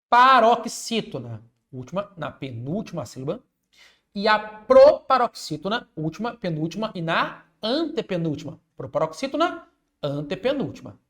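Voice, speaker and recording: A man with a high, fairly bright voice teaches an online exam-prep class. He repeats key rules, checks in often with viewers, and jokes and chats with them.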